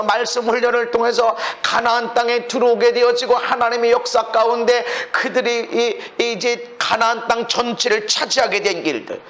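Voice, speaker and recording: A male pastor preaching a dramatic sermon in a church, swinging from hushed murmurs to shouts. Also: very high-pitched. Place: church sanctuary. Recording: dull, faintly noisy church recording.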